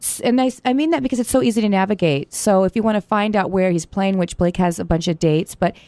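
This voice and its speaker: A woman's voice: medium pitch, warm tone, dry recording. A woman co-hosting a radio show, chatting in a bubbly, talkative way and praising her guest. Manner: bubbly, laughs often, quick and chatty. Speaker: radio co-host. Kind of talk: casual radio chat. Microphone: studio microphone.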